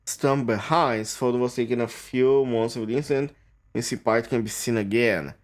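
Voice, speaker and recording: A male streamer reading a game's on-screen text aloud, stumbling and restarting on words, with quick remarks of his own. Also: medium pitch, fairly even intonation.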